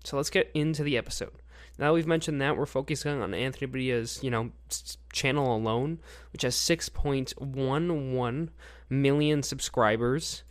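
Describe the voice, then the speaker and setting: Male podcast host, young adult, medium pitch, informal and rambling, feels unscripted. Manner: rambling, with frequent pauses to think. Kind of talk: casual unscripted podcast commentary.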